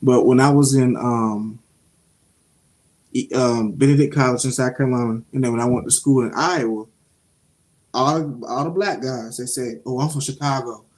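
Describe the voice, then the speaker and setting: A young man, co-hosting a casual show review and telling stories in an animated, streetwise way, swearing freely. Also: mid-range voice, moderate pace. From Jacksonville, Florida (Duval). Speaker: podcast co-host.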